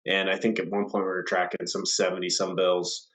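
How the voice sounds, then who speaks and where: A man's voice: low-pitched, flat delivery, a little fast, fairly bright tone, reverberant, poor audio. A man with a stuffed-up, nasal voice, recovering from a cold, presenting on a video-call webinar. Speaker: senior vice president of government affairs.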